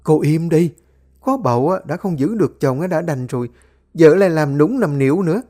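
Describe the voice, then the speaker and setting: A storyteller voicing a cruel, domineering older mother-in-law who scolds and shouts. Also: mid-range voice, expressive, quick pace, pitched above the performer's own voice, natural voice. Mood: scolding.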